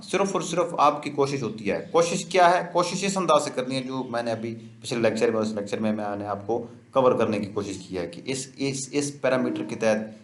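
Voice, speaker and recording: A man teaches English in a YouTube lecture, going over each phrase twice at an unhurried pace. His voice sits at an ordinary pitch. It rings in an echoey room. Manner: explains slowly, repeating each phrase.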